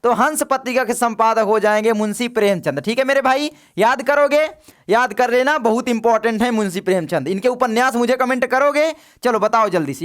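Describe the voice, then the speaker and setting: A man's voice: very high voice, fairly bright tone. A young man teaching a chatty exam revision lesson, coaxing students to answer in the comments.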